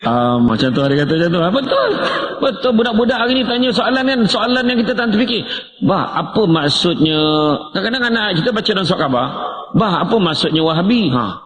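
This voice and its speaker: A man's voice: high-pitched, very animated, racing, a bit bright. A male preacher giving a humorous sermon, joking with the audience and acting out dialogue. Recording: echoey room, faint noise.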